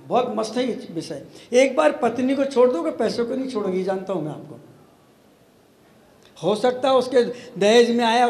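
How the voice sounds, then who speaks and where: A man's voice: high-pitched, darkish tone. A man, a monk, giving a sermon to an audience, teasing and challenging his listeners with rhetorical questions. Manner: challenging, teasing, rhetorical, mixes in English phrases. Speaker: Jain monk preacher. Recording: echoey hall with long reverb.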